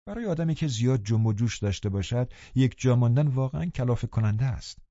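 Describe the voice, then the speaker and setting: A man narrating a novel in a calm, measured way, his voice dark and mellow. The sound is dry and close, slightly dull and muffled. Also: mid-range voice, no room sound. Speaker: audiobook narrator. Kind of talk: scripted narration.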